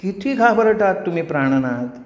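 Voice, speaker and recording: A man's voice: sing-song, normal speed, echoey room. A man voicing a seductive celestial nymph woman, speaking sweetly and coaxingly in a storytelling performance. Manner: sweet, coaxing, falsetto-ish.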